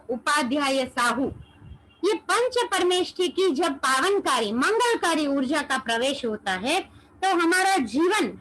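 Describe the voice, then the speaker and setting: Brief: high-pitched woman, spiritual teacher, rhetorical questions, sprinkles in English words. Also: a bit bright, rough recording. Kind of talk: devotional teaching session.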